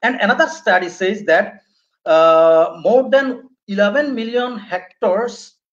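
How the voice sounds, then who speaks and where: A man from Bangladesh in his thirties with a Bangladeshi accent, giving an academic presentation over a video call, halting with many fillers and restarts. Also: high voice. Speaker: webinar speaker. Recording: muffled online call audio.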